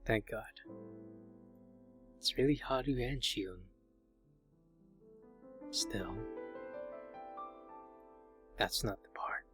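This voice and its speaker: A man's voice: mid-range voice, unhurried, pauses often. Man reading visual novel text over piano. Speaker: visual novel playthrough narrator. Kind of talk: reading game text aloud. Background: soft piano music.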